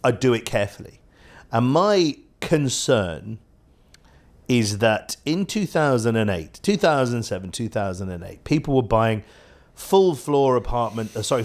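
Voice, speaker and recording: A man co-hosting a casual podcast chat on property markets, who speaks in quick bursts with joking asides and restarts. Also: on the low side.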